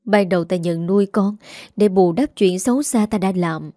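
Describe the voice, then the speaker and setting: Stern older matriarch, voiced by a woman, commanding; low warm tone, audiobook drama. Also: normal speed, no room sound, clean studio sound, close to an everyday voice. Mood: weak, remorseful. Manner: severe, commanding.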